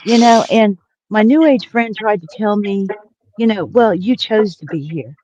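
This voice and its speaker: A caller in their sixties phones into a casual panel chat, venting in frustration and swearing heavily. The voice is medium-pitched and darkish, with a measured pace. The line sounds dry and muffled, lo-fi, with no echo.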